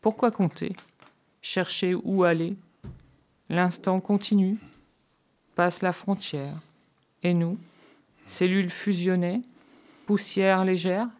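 Slow, low-voiced woman reading poetry. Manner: calm and deliberate, with hesitant fillers when introducing. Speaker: poetry reader.

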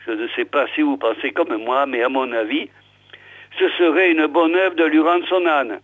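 A man voicing a good-natured village priest who likes to laugh, speaking in a measured, kindly way. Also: a little high, steady tone, natural voice. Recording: tinny phone-like old recording.

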